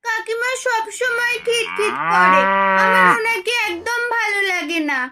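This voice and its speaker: A woman's voice: extremely high pitch, huge pitch swings, measured pace, very noisy, full character voice. A woman voicing an earnest, childlike young girl in a cartoon. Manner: pleading, childlike.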